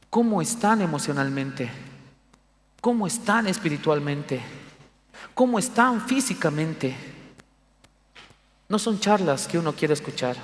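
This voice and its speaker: Man, pastor, lively sermon, slightly high voice, echoing church hall. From Bolivia. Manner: animated preaching with rhetorical questions and sudden loud bursts. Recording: echoey church hall reverb.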